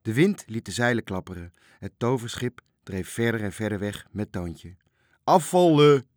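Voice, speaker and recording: A man narrating a children's storybook aloud, reading expressively and slowing down at the sad moments. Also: fairly low pitch, no room sound, studio quality.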